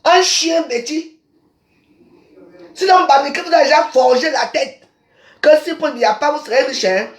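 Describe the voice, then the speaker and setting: Une femme camerounaise à l'accent du Cameroun qui lance une diatribe agressive en direct sur un réseau social, répétant ses insultes, enregistrée au téléphone. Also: female voice, sits high, lively intonation, fairly quick. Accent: Cameroonian French. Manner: combative, insulting, repetitive. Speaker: social media personality. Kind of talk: angry live social media rant. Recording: roomy echo.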